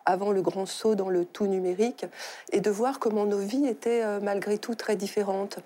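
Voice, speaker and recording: Middle-aged woman, novelist guest; mellow, unhurried, searching for words. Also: medium pitch, fairly even intonation. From Algeria. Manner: thoughtful, halting with many fillers. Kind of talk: studio talk show conversation.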